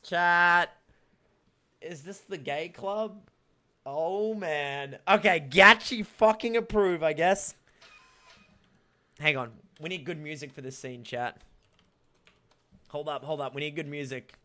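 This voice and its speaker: A man's voice: on the high side, slow, pauses often, pushed and bright. A young man streaming a visual novel, reading it aloud and bantering with chat in a crude, swearing, mock-boastful way.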